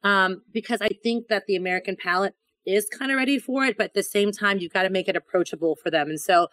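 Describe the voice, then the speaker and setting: A woman chef telling stories in a casual interview, chatty and animated, often repeating words as she goes. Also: medium pitch, quick pace, dry recording, poor audio. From born in Thailand to Laotian parents. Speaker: chef and restaurant owner.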